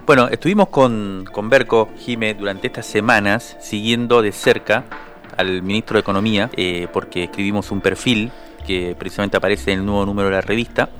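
A man's voice: fairly low pitch, a little fast, a bit bright, faint music behind. A man, a journalist co-hosting a radio show, giving conversational political commentary with frequent hesitations. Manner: conversational, hesitant with fillers and restarts.

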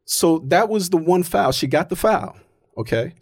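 Male, argumentative casual talker, animated delivery, dry close sound. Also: high-pitched, normal speed, dry recording. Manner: emphatic, argumentative, keeps checking with "right?". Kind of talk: casual opinionated chat.

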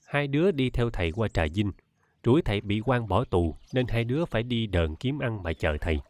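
A man reading a novel aloud as an audiobook narrator, in a steady, measured way. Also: fairly low pitch, dry recording. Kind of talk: scripted narration.

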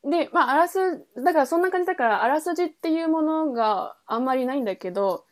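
A high-voiced woman talks fast and animatedly. She hosts a podcast and is introducing a book, explaining the novel in an easygoing, informal chat where she thinks aloud and corrects herself.

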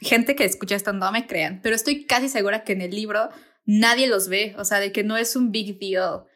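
A woman's voice: medium pitch, brisk, a bit bright. Young woman, Mexican Spanish accent, casual podcast co-host, joking and slangy. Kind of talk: casual chat.

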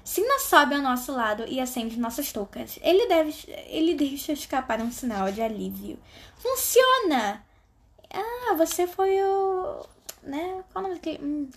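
A young woman with a high voice reads a novel aloud in a relaxed, offhand way. She keeps interrupting herself with dry, slangy sarcastic remarks before picking the story back up. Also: normal speed. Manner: sarcastic, slangy asides between read passages. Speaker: reader. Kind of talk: casual read-aloud of a novel with asides.

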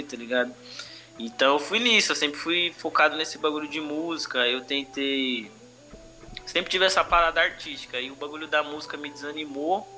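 Bright-voiced São Paulo Brazilian man, slangy. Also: fairly high pitch. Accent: Brazilian Portuguese, São Paulo. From Brazil, urban periphery. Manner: heavy street slang, frequent conversational tags. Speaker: comedian interview guest. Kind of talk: casual podcast storytelling.

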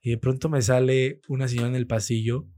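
A man with a Mexican Spanish accent, a radio producer and host, telling lively anecdotes in casual slangy chat with many fillers. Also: mid-range voice, fast. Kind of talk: casual podcast chat, storytelling.

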